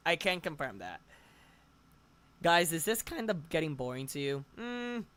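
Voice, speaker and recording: Brief: Boston-accented guy, bright forward tone, blunt and sweary. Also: fairly high pitch, big pitch swings, measured pace, smooth. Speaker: roleplay series writer. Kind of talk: casual group chat on a call.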